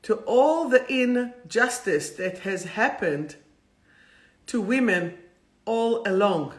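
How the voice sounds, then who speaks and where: Hosting a chatty livestream about the soul, an Israeli-accented woman speaks slowly at medium pitch with lively intonation. Her delivery is effusive and playful, prone to rambling.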